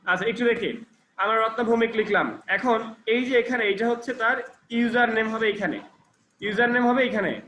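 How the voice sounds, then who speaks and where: A computer trainer walks a student through each step and keeps asking if she understands. His voice sits high and his words come quickly. The classroom is roomy and echoey, with a faint hum of noise behind him. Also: a bit bright. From Bangladesh. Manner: explains step by step, checking with the student often. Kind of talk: classroom instruction.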